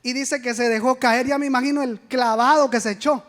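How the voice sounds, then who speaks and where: A woman preacher giving an animated sermon, putting rhetorical questions to the congregation and acting out the quoted speech. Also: high-pitched, fairly quick. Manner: acts out quoted speech in a dramatic way. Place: church sanctuary. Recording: long church reverb.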